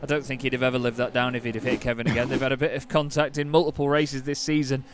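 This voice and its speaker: A man's voice: mid-range voice, quick pace, music in the background. A man giving live sim racing commentary in a motorsport commentator's delivery, as the lead caller. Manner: motorsport commentator delivery, rising to excited calls.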